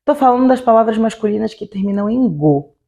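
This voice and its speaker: Gravelly woman teaching grammar. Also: on the high side, animated, warm tone. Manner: explanatory, slows to spell out example words. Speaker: Italian teacher. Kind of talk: online grammar lesson.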